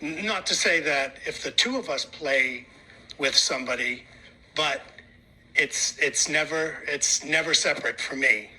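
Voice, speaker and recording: A man's voice: a little high, unhurried, pushed and bright, rough recording. A man, an interview guest, speaking earnestly and with emphasis.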